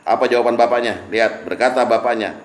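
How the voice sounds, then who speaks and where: A fast-talking preacher with a medium-pitched voice leads an informal religious study session in an echoey room. He cracks jokes and keeps putting questions to his audience.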